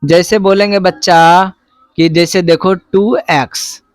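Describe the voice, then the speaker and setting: High-voiced male teacher. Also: fairly even intonation, slow, background noise. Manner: call-and-response questioning, repeats answers. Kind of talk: classroom math lesson.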